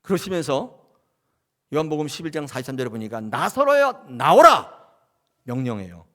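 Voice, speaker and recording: A man's voice: mid-range voice, animated, fast talker, a little mellow. A man preaching a sermon as pastor, questioning his congregation directly. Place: church.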